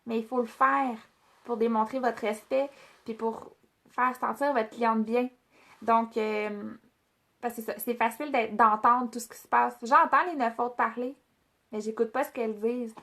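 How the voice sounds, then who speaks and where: A woman's voice: fairly high pitch, steady tone, normal speed, a bit bright. A woman with a Québécois French accent leading a casual product training, chatty, with many fillers and restarts as she speaks directly to her trainees.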